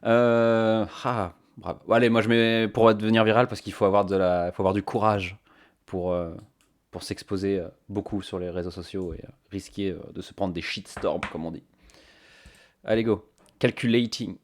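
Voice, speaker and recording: A man's voice: on the low side, fairly even intonation, moderate pace. A man chatting casually to his stream viewers, thinking aloud with many fillers on a cheap microphone. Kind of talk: casual live-stream chat.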